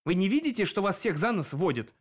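A man's voice: sits high, very animated, fast talker, pitched above the performer's own voice. A man voicing a sly, grinning male demon detective in an audiobook, mocking and theatrical.

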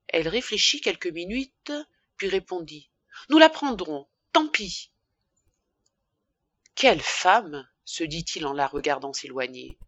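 A woman narrating a classic novel for an audiobook in an expressive, measured reading. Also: on the low side, dry recording.

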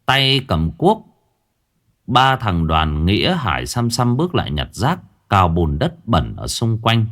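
A man's voice: on the low side, huge pitch swings, unhurried, a bit bright. A man narrating a ghost story in a dramatic storytelling manner.

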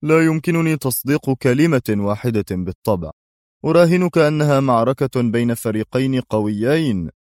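A man's voice: mid-range voice, expressive, moderate pace, darkish tone, dry recording, studio quality, voice pushed up, close to an everyday voice. A man voicing a sceptical male policeman who talks down as if to a child. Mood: mocking. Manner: condescending, as if to a child.

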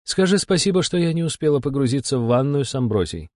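A man voicing a weary, sarcastic female demon supervisor with a husky, irritated voice. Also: medium pitch, animated, fast talker, a little mellow, no room sound, clean studio sound, voice pushed up, close to an everyday voice. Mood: irritated mocking. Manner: irritated, mocking, drawling. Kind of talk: audiobook character voice.

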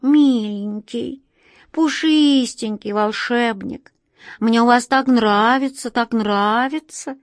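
A woman voicing a boastful, flattering young male tomcat with a squeaky, sweet-talking voice in a storybook reading. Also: takes it slowly, no echo, clean studio sound. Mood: wheedling.

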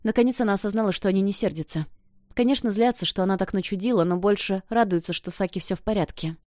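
A woman narrating an audiobook in an expressive, emotional reading. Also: mid-range voice, quick pace, no room sound, studio quality. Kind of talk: scripted narration.

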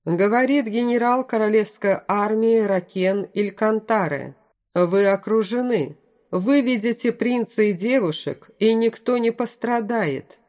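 A woman's voice: mid-range voice, darkish tone, natural voice. A woman reading as a stern, commanding army general. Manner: firm, measured ultimatums. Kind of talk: audiobook character voice.

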